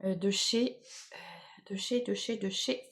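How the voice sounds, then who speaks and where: A woman's voice: medium pitch, slow pace. Chatty woman showing off her gifts. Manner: chatty, enthusiastic, many fillers and repeated words. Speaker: beauty vlogger. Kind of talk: casual unboxing chat to camera.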